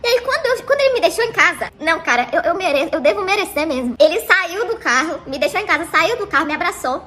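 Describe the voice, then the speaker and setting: A young woman with a very high voice tells her own story in a loose, slangy way. Her tone is bright and sharp, and she slips into the voices of the people she describes. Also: fast. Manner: animated, slangy, acts out the other people in the story. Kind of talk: casual personal storytelling.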